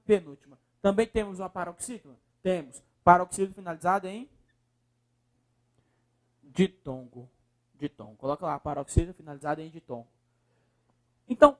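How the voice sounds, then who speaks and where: Brazilian teacher drilling syllables slowly. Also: male voice, high voice. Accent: Brazilian Portuguese. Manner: coaxing, repeats words slowly and syllable by syllable. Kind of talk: video lesson.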